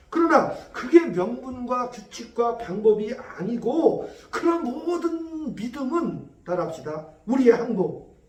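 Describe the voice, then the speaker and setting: Male pastor, very high voice, animated preacher, mic far off in an echoey church. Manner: lively preaching, acting out God's lines to Job. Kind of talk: sermon. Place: church sanctuary.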